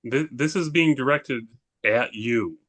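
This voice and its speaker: A man's voice: mid-range voice, slow pace, a bit bright. A man playing a tabletop role-playing game who explains his moves in a matter-of-fact way. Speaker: player.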